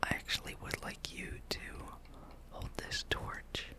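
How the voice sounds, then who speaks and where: Entirely unvoiced and breathy, this whisper belongs to a gaming ASMR host who takes a slow, rambling approach, thinking aloud while playing.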